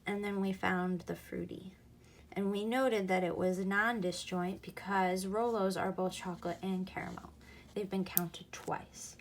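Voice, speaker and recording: A woman's voice: medium pitch, fairly even intonation, a little slow, a little hiss or hum. A woman teaching a recorded math lesson, explaining patiently and going back over each key point.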